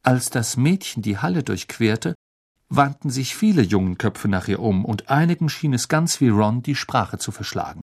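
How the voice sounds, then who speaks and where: A man reading a children's novel aloud with expressive storytelling. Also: mid-range voice, normal speed, breathy edge. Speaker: audiobook narrator. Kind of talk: scripted narration.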